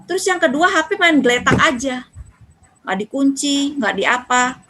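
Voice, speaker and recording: A woman's voice: high voice, moderate pace, rough recording. A woman giving a religious talk to parents, acting out the things parents say to their children. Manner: lively, acts out quoted dialogue with children. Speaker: parenting speaker.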